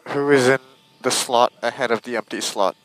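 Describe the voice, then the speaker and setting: A man's voice: medium pitch, steady tone, normal speed, a bit bright, a little hiss or hum, low-quality recording. A man talking to his team over race car radio as the driver, with clipped, matter-of-fact replies. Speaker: racing driver.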